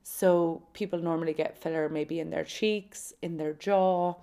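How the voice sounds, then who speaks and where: A young woman with a southwest Irish Kerry accent speaks in a chatty, confiding way. Her voice sits a little low, with plenty of vocal fry and a soft, mellow tone. It sounds like a casual solo podcast. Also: fairly even intonation, measured pace. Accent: Irish, from County Kerry in the southwest. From County Kerry, Ireland. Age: 20s. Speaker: podcast host. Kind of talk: casual solo chat, personal storytelling.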